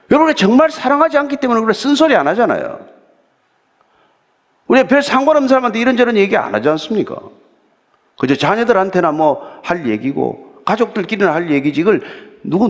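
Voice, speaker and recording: A middle-aged male pastor with a high, animated voice preaches in a church sanctuary, and his words ring out with a long reverb. He talks to the congregation as if in conversation, asking rhetorical questions and acting out quotes. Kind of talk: sermon.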